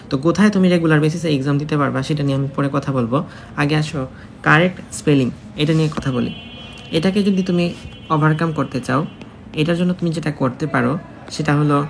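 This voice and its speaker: A man's voice: fairly high pitch, vocal fry, slight background noise. A man teaching an exam-prep lesson in a chatty way, speaking straight to the student and repeating key points. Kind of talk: casual spoken lesson.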